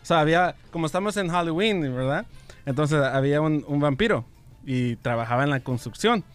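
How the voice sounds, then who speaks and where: A man from Guatemala with a slightly raised, lively voice, telling a joke on radio. He stumbles and restarts as he goes. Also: fairly high pitch, brisk, smooth. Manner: hesitant, restarts often. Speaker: radio show guest joke-teller.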